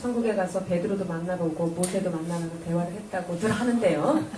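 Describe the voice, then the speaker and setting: A woman's voice: on the low side, brisk, warm tone, a little hiss or hum. A woman interpreting a sermon into Korean, speaking to the congregation in a polished, explanatory way. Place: church sanctuary. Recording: echoey church hall, distant mic.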